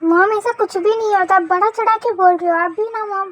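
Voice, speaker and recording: A woman's voice: very high-pitched, fairly even intonation, normal speed, rough recording. A woman voicing a shy, embarrassed young woman who keeps pleading with her elders in a fan-fiction voice story. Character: shy, flustered young woman, a new bride-to-be.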